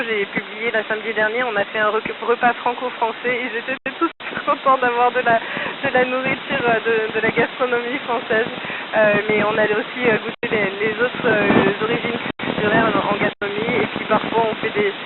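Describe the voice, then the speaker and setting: A man's high, fairly flat voice comes through a narrow, phone-thin amateur radio downlink from space, with steady hiss underneath. He explains things patiently and closes every answer with radio protocol. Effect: noisy, narrow ham radio downlink from space. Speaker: astronaut answering students. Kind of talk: radio Q&A with a school.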